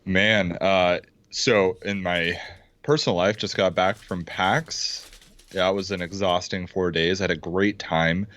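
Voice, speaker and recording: Excitable deep-voiced man co-hosting. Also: measured pace. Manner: excitable, pounds the table. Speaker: podcast co-host. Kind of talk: casual fantasy football chat. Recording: dull, dry lo-fi sound.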